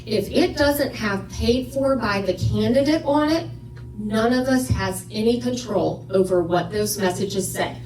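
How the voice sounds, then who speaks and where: A woman's voice: on the high side, a little slow, a little mellow, slight background noise. A woman speaking as a local candidate, giving a firm and direct campaign speech. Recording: echoey room, far from the mic.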